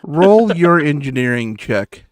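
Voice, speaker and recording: Lively, dry-sounding game master man. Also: a little high, measured pace, dry recording. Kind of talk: running a tabletop game.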